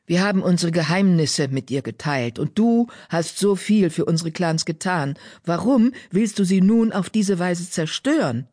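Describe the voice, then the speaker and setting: A man's voice: sits high, animated, normal speed, few pauses, darkish tone, no echo, studio quality. A man voicing an earnest, urging male cat who founded a clan.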